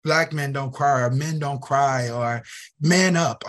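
A man with a medium-pitched, fairly bright voice speaks slowly as an interview guest, where he's a youth program director. Earnest and emphatic, he repeats phrases to underline his point.

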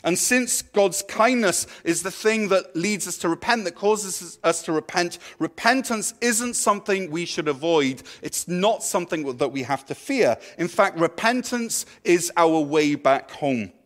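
High-voiced pastor preaching. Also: male voice, expressive, unhurried, few pauses, fairly bright tone. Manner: conversational, playful, with restarts. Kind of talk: sermon.

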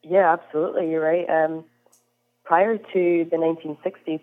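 Speaking at normal speed in a deep voice with little pitch movement, this Hebridean guest from the Isle of Lewis, Scotland, works as a whisky brand ambassador. She chats through her interview answers, dropping plenty of "um"s, recorded over a tinny phone call.

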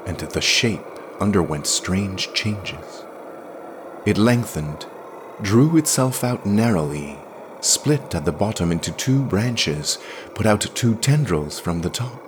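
Slow, deep-voiced male storyteller. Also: noisy background. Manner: measured, expressive storytelling. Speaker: podcast story reader. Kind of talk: scripted narration.

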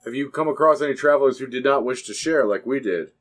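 A man's voice: medium pitch, fast talker. A man playing in a casual tabletop game, wisecracking and laughing often. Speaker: player.

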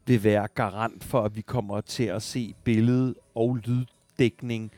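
A man's voice: on the low side, fairly even intonation, a little mellow. A man co-hosting a podcast in a heated casual debate, talking at length with frequent restarts and rising when worked up. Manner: wordy, restarts often, rises when worked up. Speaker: podcast co-host.

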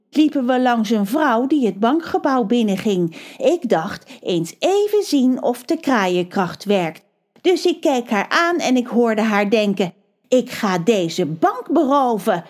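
A woman voicing an excitable older mother who panics and stammers when upset. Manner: shrill, stammering, easily upset.

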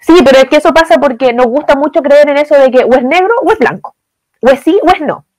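High-voiced Chilean woman, dry close sound. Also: quick pace, no room sound. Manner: lively, uses voiced quotes and examples. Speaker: guest expert on positive communication. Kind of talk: conversational interview answers.

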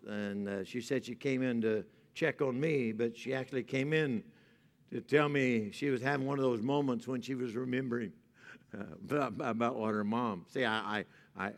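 A man preaching a sermon at a pulpit microphone in a church, moving from joking to a softer, reflective tone. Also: mid-range voice, creaky. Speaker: pastor. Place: church sanctuary. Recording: reverberant church hall.

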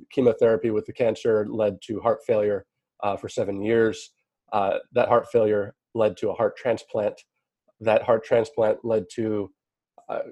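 Man, panelist, earnest, halting restarts, lowish voice, dry sound. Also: mellow, no room sound. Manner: earnest, with frequent restarts and fillers. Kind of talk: panel discussion introduction.

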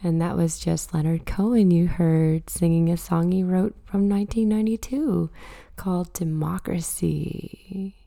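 A woman hosts a casual monologue, her voice raspy and hoarse from a cold. It sits fairly low and sounds dark and gravelly. She talks thoughtfully and leans on fillers. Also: steady tone, measured pace. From Canada. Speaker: podcast host.

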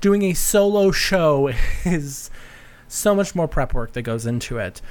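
A man's voice: on the high side, lively intonation, measured pace, a little mellow, smooth. A man hosting a solo podcast in a casual, rambling, chatty way with a campy touch. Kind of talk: casual, rambling personal chat.

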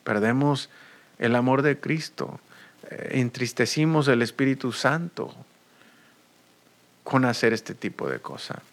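A man delivering a bilingual sermon at an unhurried pace, his voice gravelly and rough at the edges. He preaches deliberately, repeats each point in a second language, and restarts phrases as he gathers his thoughts. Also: mid-range voice. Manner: switches between Spanish and English, repeating points. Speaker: pastor. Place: United States.

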